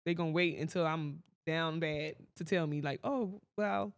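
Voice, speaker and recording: A woman guest on a podcast in casual chat who speaks candidly and quickly and sometimes swears. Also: low-pitched, flat delivery, smooth, no room sound, studio quality.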